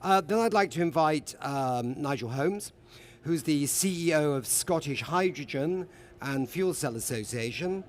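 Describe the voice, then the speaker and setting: A jovial man hosting a live panel broadcast, introducing guests with chatty asides. His voice sits a little higher than most men's. Faint ambient noise hums behind him. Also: lively intonation, a little slow. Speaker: host. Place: lives in Berlin.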